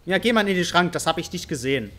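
A man's voice: sits high, animated, quick pace, bright, forceful tone, slight background noise. A man giving playful, teasing let's-play commentary over a horror game, mock-taunting the characters he hunts. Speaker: gaming YouTuber.

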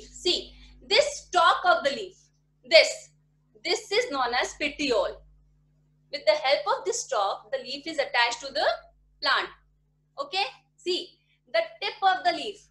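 High, bright-voiced teacher. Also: female voice. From India. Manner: patient, repeats questions and checks understanding often. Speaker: primary school teacher. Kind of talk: online class teaching. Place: small home room with bookshelves. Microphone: laptop webcam mic at desk. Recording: echoey room audio from a video call.

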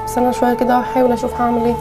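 A woman voicing a weary, long-suffering mother in a cartoon, with an Egyptian accent, tender with her children and shrill when she argues. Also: monotone, rapid-fire, lightly acted. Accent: Egyptian Arabic. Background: background music.

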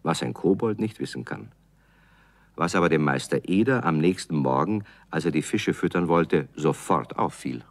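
A man narrating a children's radio play in a calm, measured storytelling manner. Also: a bass voice, no echo.

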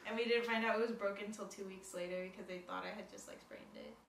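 A woman's voice: medium pitch, steady tone, fast talker, gravelly, heavy background noise. Giggly young woman in an echoey room. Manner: giggly, chatty, says like a lot. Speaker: guest friend. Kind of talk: casual storytelling chat. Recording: roomy and distant mic.

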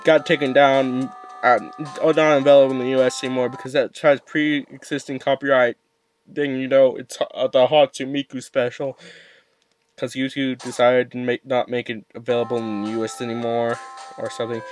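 A man's voice: mid-range voice, level tone, moderate pace, faint music behind. A young man rambling through casual let's play commentary, swearing often and restarting his sentences. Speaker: gaming YouTuber.

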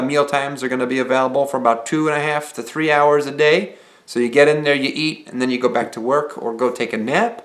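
Young man in a casual to-camera vlog. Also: medium pitch. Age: young adult. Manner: relaxed and conversational, with filler phrases. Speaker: vlogger. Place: small living room, indoors. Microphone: camera mic, head-and-shoulders framing.

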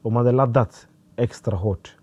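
A man's voice: mid-range voice, warm tone, breathy edge, lo-fi sound. A young man, a podcast guest, telling a personal story in a casual interview and acting out his own thoughts as he goes.

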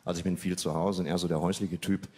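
A man in his forties telling stand-up comedy stories in a dry, deadpan manner. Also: sits low, very fast, slightly rough. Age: 40s.

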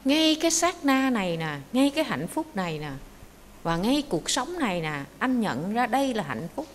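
A woman voicing a gaunt, calm old male Zen master who gently instructs. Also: on the high side, moderate pace, big-room sound, a little hiss or hum.

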